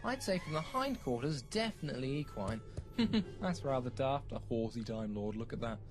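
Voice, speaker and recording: An eccentric male alien doctor in the body of a cartoon pony, acted by a man. He is theatrical and excitable, with a very animated pitch that leaps on exclamations. Music plays behind him in this audio drama. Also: moderate pace, natural voice. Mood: delighted, curious. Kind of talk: fan audio drama acting.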